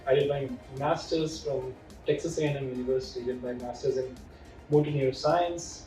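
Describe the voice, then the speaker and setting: A man's voice: medium pitch, fairly even intonation, moderate pace, mellow. A man who teaches physiotherapy, speaking in a matter-of-fact way in a casual interview. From India. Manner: matter-of-fact, lists credentials steadily. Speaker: physiotherapy course instructor. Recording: roomy room, distant mic, faint music.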